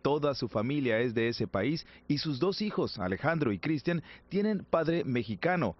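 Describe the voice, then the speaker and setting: A man reading scripted news narration in a measured, even tone. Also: medium pitch, dull audio.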